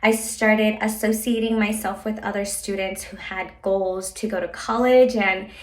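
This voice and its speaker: A woman's voice: medium pitch, steady tone, measured pace. A woman from El Salvador telling her personal story in a friendly, reflective way. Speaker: guest speaker. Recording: echoey room.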